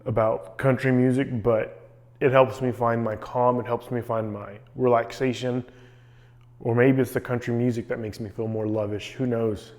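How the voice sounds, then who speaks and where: A man's voice: mid-range voice, little pitch movement, moderate pace, darkish tone. A man recording a casual personal vlog, talking in an earnest, reflective way. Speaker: vlogger documenting a cold plunge challenge.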